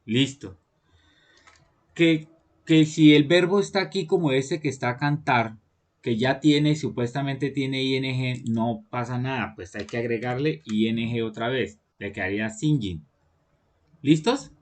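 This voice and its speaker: Patient teacher checking understanding. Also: male voice, medium pitch, measured pace. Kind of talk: online class explanation.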